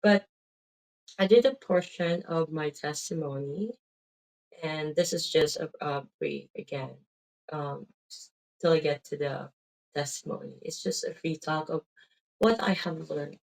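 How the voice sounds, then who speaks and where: A middle-aged woman from the Philippines, speaking with a Filipino accent, gives a rambling, casual talk about her faith, packed with "um"s and "right?" tags. She sounds tired and drained, her voice low and creaky at a measured pace with frequent pauses. The recording is rough.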